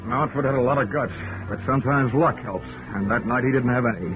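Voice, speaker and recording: In a 1940s radio drama, an actor plays a wisecracking male insurance investigator, narrating in a dry, wry, hard-boiled style. His medium-pitched, natural voice moves fairly quickly, and the broadcast sounds tinny, with music.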